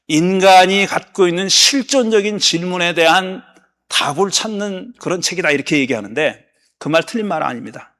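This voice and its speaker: A male pastor gives a sermon in a bright, high voice, slipping into blunt, casual speech when he voices God's questions. His voice carries with a long hall reverb around it. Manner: conversational preaching, acting out God's lines in blunt casual speech.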